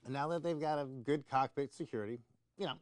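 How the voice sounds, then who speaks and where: An American man co-hosts a political talk show full of opinionated discussion, arguing insistently and stammering as he repeats phrases. His mid-range voice is fast, with no echo.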